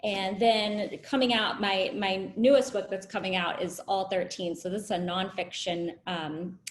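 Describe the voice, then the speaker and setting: A woman author from the United States introducing her books on a panel, upbeat and quick to laugh. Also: mid-range voice, fairly even intonation. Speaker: children's author. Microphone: video call. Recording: echoey room with faint noise.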